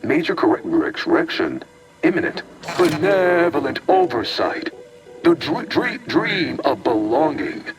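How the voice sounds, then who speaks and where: A man's voice: fairly high pitch, very animated, a little slow, far from the mic. An actor playing a malfunctioning male AI computer, glitching and stuck repeating syllables and words in stiff, formal machine diction, with game music behind. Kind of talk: video game character dialogue.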